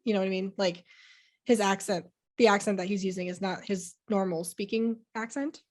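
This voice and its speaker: A woman's voice: medium pitch, fairly even intonation, a little fast. A young woman co-hosting a film podcast in casual chat, rambling with many fillers and restarts. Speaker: podcast co-host.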